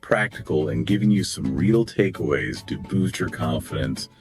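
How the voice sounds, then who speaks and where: A very deep-voiced man co-hosting a podcast, his pitch swooping widely as he acts out example phrases. He speaks in a scripted, conversational way. Soft music plays faintly under his voice. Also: moderate pace. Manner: animated, demonstrates phrases with exaggerated pitch swings. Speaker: podcast co-host.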